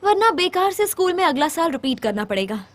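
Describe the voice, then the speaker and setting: A sassy, blunt young student. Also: female voice, very high voice, sing-song, a little fast, fairly bright tone, heavily acted. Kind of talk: Hindi film dub.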